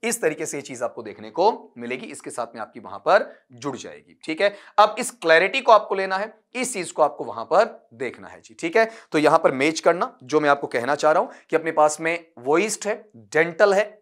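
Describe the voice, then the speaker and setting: A man's voice: a little high, big pitch swings, fairly bright tone. Man teaching phonetics, drilling sounds aloud. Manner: explains patiently, calls students "beta"; drills sounds slowly, one by one. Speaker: English teacher. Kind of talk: online exam-prep lecture. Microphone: recording from a desk for an uploaded class video.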